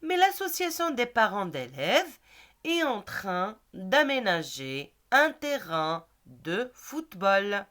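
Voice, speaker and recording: A woman's voice: medium pitch, big pitch swings, takes it slowly, fairly bright tone. A woman reading as a proud schoolboy. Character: cheerful schoolboy describing his school. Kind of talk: reading a textbook dialogue aloud.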